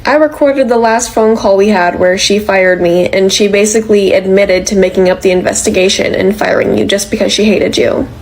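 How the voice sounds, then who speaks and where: A woman's voice: mid-range voice, brisk, few pauses, lightly acted, poor audio. [name], a woman voicing an exasperated young worker. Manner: exasperated, protesting. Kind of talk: animated comedy dialogue.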